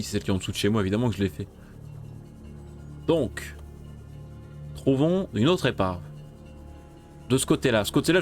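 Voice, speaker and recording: A man giving casual let's-play commentary, talking to the game's creatures and yelping when he gets startled. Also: mid-range voice. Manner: jumpy, talks to game creatures, yelps when startled. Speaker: gameplay streamer.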